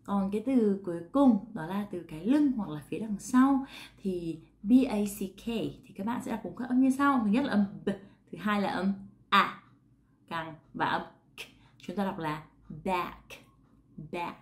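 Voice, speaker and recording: A woman with a Vietnamese accent teaching English pronunciation, repeating sounds slowly and clearly and asking viewers questions. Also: medium pitch, animated. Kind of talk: casual pronunciation lesson.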